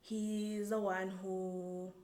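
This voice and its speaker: A young woman from Zambia, whose first language is Tumbuka, answering interview questions in a thoughtful, halting way with many restarts. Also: medium pitch, level tone, a little mellow. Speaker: guest. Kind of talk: casual interview. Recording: echoey room, faint background noise.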